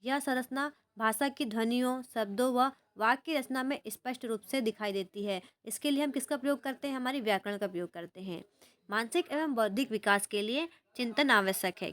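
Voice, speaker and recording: A woman's voice: on the high side, a bit bright. A young woman teaching an exam-prep lesson, asking questions and answering them herself and repeating key words to help students remember.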